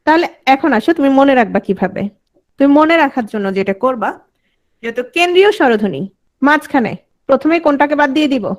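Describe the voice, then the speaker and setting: A woman's voice: sits high, lively intonation, quick pace. A woman teaching a class, sounding out vowels and quizzing her students. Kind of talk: online class lecture.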